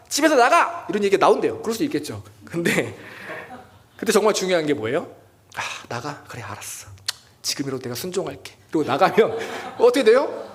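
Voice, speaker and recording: At a church prayer meeting, a young junior pastor delivers a sermon in a somewhat high voice. He dramatizes the quotations, raising his voice loudly as he performs them.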